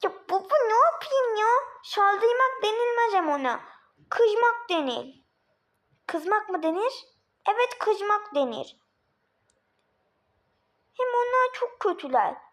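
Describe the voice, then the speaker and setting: A woman voicing a naughty little boy in a home-made play, whiny and quick to argue back. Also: very high-pitched, animated, fairly bright tone, voice pushed up, exaggerated voice. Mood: defiant. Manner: whiny, self-justifying.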